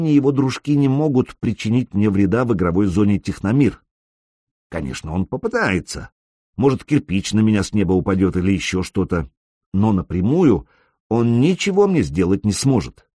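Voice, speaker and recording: A man reading an audiobook, voicing Sanek, a calm and confident young man who speaks softly and reassuringly, sometimes in low murmurs. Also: husky, no room sound, clean studio sound.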